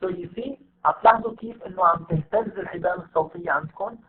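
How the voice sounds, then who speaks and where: A man with a Levantine Arabic accent teaching an English lesson, patiently repeating example words slowly for his students. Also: high voice, a little hiss or hum. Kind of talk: online lesson. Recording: tinny phone-like audio.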